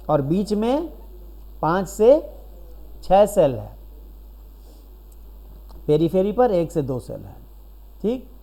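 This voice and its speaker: Man teacher with a warm, mellow voice, patient lecture style, asks and answers his own questions. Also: high-pitched. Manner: explains step by step, asks questions and answers them, keeps checking with "right?". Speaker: biology teacher. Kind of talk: recorded classroom lecture.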